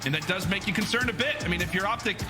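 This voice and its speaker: Man, esports commentator, animated conversational delivery, high pitch, clear background music. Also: very fast. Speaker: esports caster. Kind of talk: broadcast match commentary.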